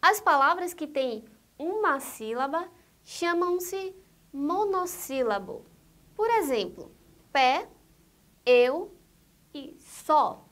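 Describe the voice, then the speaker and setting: Slow, high-voiced Brazilian woman teacher. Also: expressive, fairly bright tone. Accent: Brazilian Portuguese. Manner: slow, deliberate, repeats each example word. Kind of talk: recorded grammar lesson.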